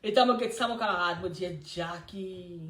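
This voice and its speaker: In a fairly low-pitched voice at normal speed, an older woman with a Mauritian accent chats live and tells animated stories, her delivery shifting from loud to soft. The recording carries a roomy echo.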